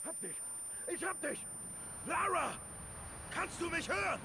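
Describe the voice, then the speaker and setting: A man's voice: very high voice, sing-song, measured pace, creaky, noisy background, exaggerated voice. A man playing a loyal, desperate climbing companion in peril, in dramatic video game style. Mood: urgent, desperate.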